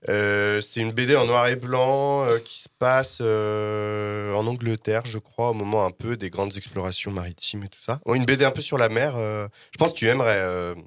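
A man's voice: fairly low pitch, fairly even intonation, normal speed, few pauses, a bit bright, smooth. A man co-hosting a comics podcast, joking around, trailing off and mumbling as he talks. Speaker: podcast co-host. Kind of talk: casual chat.

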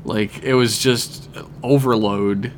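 A man's voice: medium pitch, fairly even intonation, slow pace. Irreverent male podcast co-host, slight noise. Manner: irreverent, sweary, informal. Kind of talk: casual TV fan discussion. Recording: faint background noise.

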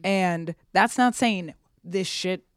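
Woman chatting on a panel, reflective, pauses between phrases, slightly low voice, dry audio. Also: smooth, no echo. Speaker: podcast panelist. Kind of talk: casual discussion.

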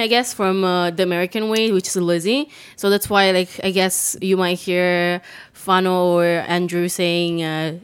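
A woman's voice: medium pitch, clear, resonant tone. A woman in her twenties, born in Italy, co-hosting a casual podcast chat, swearing freely and laughing often. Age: 20s. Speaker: podcast co-host.

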